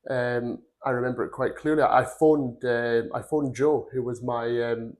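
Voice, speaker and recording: A man in his forties, from Glasgow, telling his career story as a podcast guest. He rambles in an earnest way, with a voice of middling pitch for a man. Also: fairly even intonation, normal speed, a little mellow. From Glasgow, Scotland. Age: 40s. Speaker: podcast guest, recruitment firm founder. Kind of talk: casual career interview.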